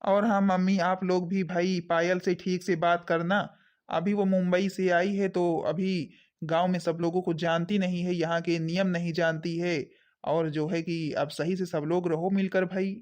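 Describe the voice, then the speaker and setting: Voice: medium pitch, little pitch movement, moderate pace, natural voice. A performer playing a young husband who reasons with his family to defend his new wife in a skit. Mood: reassuring. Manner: pleading, reasoning. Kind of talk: village family skit acting. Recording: dull lo-fi sound.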